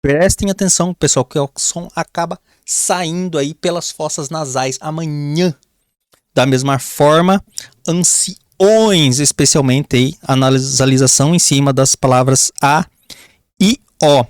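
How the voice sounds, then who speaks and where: A man with a Brazilian accent teaching a grammar lesson for an exam, often calling the class "pessoal" and drawing out key words slowly while he writes on a board. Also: a little high, dry recording, studio quality. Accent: Brazilian Portuguese. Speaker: Portuguese teacher.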